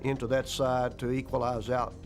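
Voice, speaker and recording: Background music accompanies this documentary interview, in which an airline captain recounts events in a matter-of-fact, plain way marked by folksy grammar. He speaks at medium pitch with a level tone and a moderate pace.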